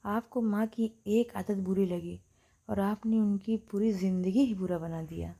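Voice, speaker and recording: Woman doing a bold young daughter, firm raised voice, mellow dark tone. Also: mid-range voice, fairly even intonation, measured pace. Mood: angry.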